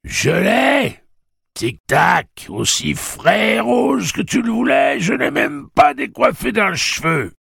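A man voicing a gruff, crude adult male pirate who bawls and mocks. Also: low voice, moderate pace, no room sound, clean studio sound, full character voice. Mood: bawling. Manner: loud, bawling, mocking and coarse.

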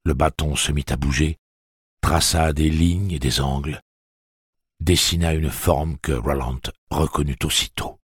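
A man reading a dark fantasy audiobook in an expressive storytelling manner. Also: rumbling low, unhurried, breathy edge, dry recording, studio quality. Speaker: audiobook narrator. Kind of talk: dramatic audiobook narration.

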